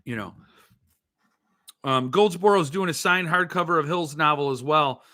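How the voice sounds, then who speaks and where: Lisping man with a higher-pitched voice. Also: normal speed, bright, forceful tone. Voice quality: lisp with slushy s sounds from a bitten tongue. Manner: hesitant, thinking aloud, trailing off into asides. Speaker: host of a book-collecting show. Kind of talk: casual rambling chat.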